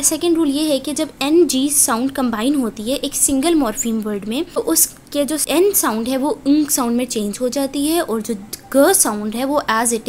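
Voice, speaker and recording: A young woman with a Pakistani Urdu accent, teaching phonology from lecture notes and slowing down to spell out English example words. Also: high voice, a little mellow, slight background noise.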